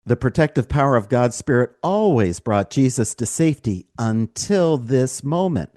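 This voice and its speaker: Dark-voiced man reading scripture. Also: mid-range voice, animated, moderate pace, no room sound, clean studio sound. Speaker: podcast co-host, scripture reader. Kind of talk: Bible reading and discussion.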